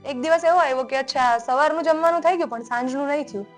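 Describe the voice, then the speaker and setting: A woman's voice: sits high, fast talker, soft background music. A young woman talking casually and emphatically, telling a family story in a podcast conversation. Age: young adult. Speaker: guest speaker, entrepreneur.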